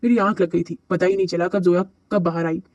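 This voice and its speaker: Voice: medium pitch, fairly even intonation, a little fast, darkish tone, no room sound, lo-fi sound, lightly acted. A man voicing an irritable young husband who speaks in a curt, impatient way. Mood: apologetic.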